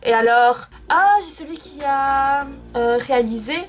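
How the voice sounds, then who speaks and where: A woman's voice: high-pitched, a little slow, over loud music. A young woman chatting casually in a vlog from her bedroom, playful and self-mocking. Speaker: YouTuber.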